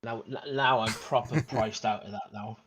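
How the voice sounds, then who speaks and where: A man's voice: on the low side, steady tone, normal speed, a crowd in the background. A man, a guest on a live stream, chatting in a rambling, joking, self-deprecating way. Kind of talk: casual live-stream chat.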